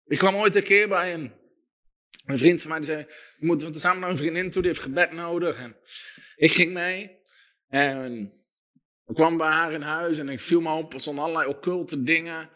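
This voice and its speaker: A man's voice: on the high side, moderate pace, sharp tone. A man preaching a sermon, telling stories with quoted dialogue and listing things emphatically.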